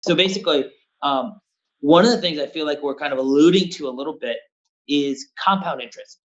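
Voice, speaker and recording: A man's voice: on the high side, brisk, a bit bright. A man hosting a casual interview, eagerly asking follow-up questions and playing devil's advocate. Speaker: host and company head. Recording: dull, muffled mic sound.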